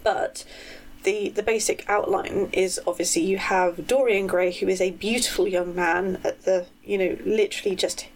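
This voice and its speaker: A woman's voice: medium pitch, fairly even intonation, moderate pace, slight background noise, rough recording. A woman co-hosting a podcast, chatting casually about books and writing, given to ranting with lots of fillers. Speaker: podcast co-host.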